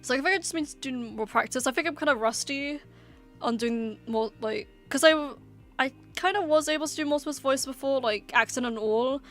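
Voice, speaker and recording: This high-pitched woman streamer speaks a little fast, chatting casually in a rambling, hesitant way with frequent fillers like "um" and "like." Faint music can be heard behind her.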